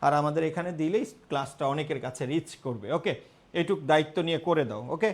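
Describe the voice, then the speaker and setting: A man's voice: a little high, lively intonation, fast talker. A young man teaching grammar in a live online class, repeating terms and quizzing his students.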